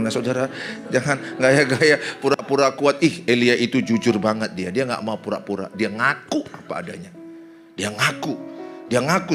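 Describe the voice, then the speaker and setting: A man from Indonesia, a pastor, preaching a sermon and joking with the congregation. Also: mid-range voice.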